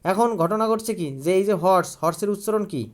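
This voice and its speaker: High-voiced man teaching grammar. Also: a little fast. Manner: asks questions and answers them himself, repeating key words. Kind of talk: online grammar lesson.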